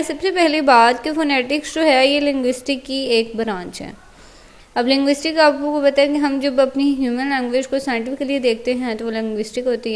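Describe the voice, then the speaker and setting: A woman with a Pakistani Urdu accent gives a casual explanatory lesson in a high voice. She talks plainly, circles back over the same points and fills pauses with small hesitations. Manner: plain, repetitive explaining with fillers. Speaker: teacher.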